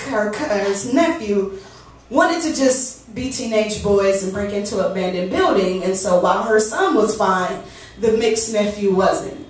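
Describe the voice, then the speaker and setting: At a small living-room poetry venue, a featured poet with a medium-pitched voice performs spoken word with a rhythmic, emphatic delivery, adding loose, conversational banter between pieces. The mic picks her up from a distance in a very echoey room, with a faint hum underneath.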